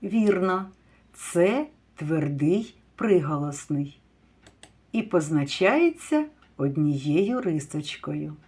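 A kindergarten teacher leads a phonics lesson for young children, sounding out words slowly and asking questions. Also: female voice, low voice, animated, a little mellow, slightly rough. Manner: slow, drawn-out word sounding with praise and questions.

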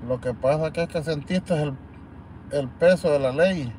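A man's voice: fairly high pitch, measured pace, mellow, slight background noise. A man hosting a live stream in blunt, scornful and crude casual talk. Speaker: livestream host.

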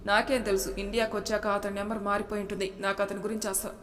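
A woman's voice: mid-range voice, flat delivery, quick pace, a bit bright, lightly acted. A woman reading as a desperate young mother in a storybook, pleading and tearful. The delivery stays fairly level. There is a long echo and a faint hiss behind it. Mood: accusing. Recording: reverberant room with faint noise.

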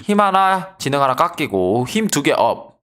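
Excitable young man narrating gameplay. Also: on the high side, normal speed, clear, resonant tone. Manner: excitable, yells and trash-talks the game. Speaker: gaming YouTuber. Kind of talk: let's-play commentary.

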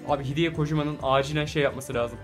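A man giving casual let's play commentary, chatty, talking to the game and breaking into excited exclamations. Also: fairly high pitch, fast. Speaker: gaming YouTuber. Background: soft game music.

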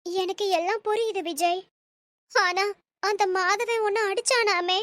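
Woman voicing a stern shrill mother. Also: fairly even intonation, unhurried, a bit bright, dry recording. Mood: soothing. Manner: scolding then coddling. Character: stern possessive middle-aged mother. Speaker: mother of the young man. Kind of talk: storybook voice drama.

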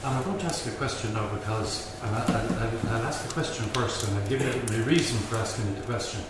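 Older Irish man, halting talker, distant echoey recording with noise. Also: mid-range voice. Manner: hesitant, repeats words. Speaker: interviewer. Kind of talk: conversational questioning. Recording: echoey room from far off, with noise.

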